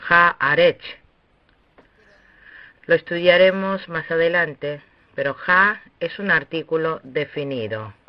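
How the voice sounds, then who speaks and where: Man, higher voice, slow lecture pace, dry dull lo-fi recording, teaching a language lesson. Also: no echo. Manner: slow, deliberate, with long pauses.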